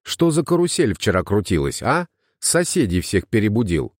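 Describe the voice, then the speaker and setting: A man's voice: lowish voice, sing-song, normal speed, no echo, clean studio sound. A man reading an audiobook, voicing a burly, bullying village headman who blusters and threatens. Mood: mocking.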